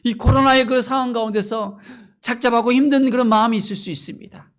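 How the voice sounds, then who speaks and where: A male pastor preaching a sermon with passion, moving from loud exclamations to near-whispers and asking his congregation rhetorical questions. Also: very high-pitched, fairly even intonation, quick pace.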